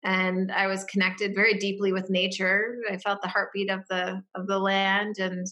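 A woman's voice: medium pitch, completely flat delivery, normal speed, sharp tone. A woman interview guest telling her life story in a reflective way, with frequent fillers and restarts. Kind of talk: casual personal storytelling.

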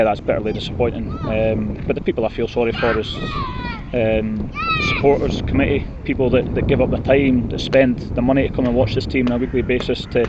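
A Scottish man giving a post-match interview as a football manager, blunt and disappointed, speaking haltingly. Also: mid-range voice. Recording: muffled, noisy outdoor recording with traffic.

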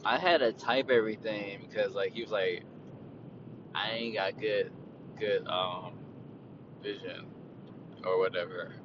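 A man's voice: steady tone, a little slow, long pauses. A man in casual storytelling mode ranting about his retail job in a profane, laid-back way. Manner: profane, laid-back, quotes people in a raised voice. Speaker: retail worker. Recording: dull lo-fi with vehicle rumble.

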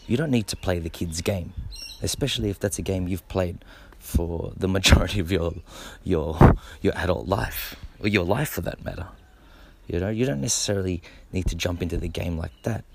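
A man's voice: low-pitched, slight background noise. A middle-aged man who breakdances, talking to camera in a laid-back, rambling way, swearing freely and repeating words. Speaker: b-boy. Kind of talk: casual monologue to camera.

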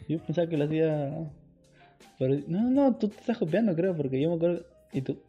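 A man's voice: fairly high pitch, expressive, a little fast, dark tone, breathy edge, soft background music. A young man, co-hosting a podcast, telling stories in slangy, teasing chat. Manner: slangy, teasing, tells stories with quoted voices. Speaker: podcast co-host. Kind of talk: casual chat.

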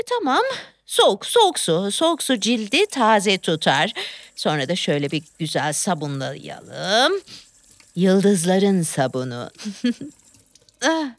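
A woman's voice: sits high, dry recording, studio quality. Woman playing a frantic young working mother. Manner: frantic, exclaiming, coos to a baby. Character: flustered young working mother, factory worker. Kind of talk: theatrical monologue.

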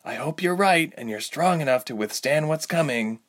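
A man's voice: fairly high pitch, animated, moderate pace, fairly bright tone, pitched above the performer's own voice. A cold, determined young mermaid, as a male storyteller puts her on. The voice sits well above his usual register and keeps a firm, pressing tone. It carries the clipped edge of someone pleading a warning. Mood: icy, insistent.

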